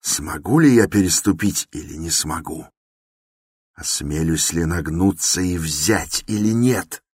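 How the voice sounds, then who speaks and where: A man's voice: low-pitched, unhurried, husky, no room sound, clean studio sound. A man voicing a tormented young man who speaks in an intense, brooding, confessional way, within a dramatic novel reading.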